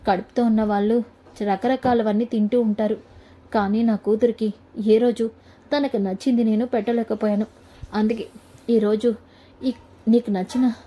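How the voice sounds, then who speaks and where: A woman voicing a middle-aged father who explains himself gently but firmly, in a retold family serial. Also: fairly high pitch, steady tone, normal speed, pauses often, lightly acted. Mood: tender.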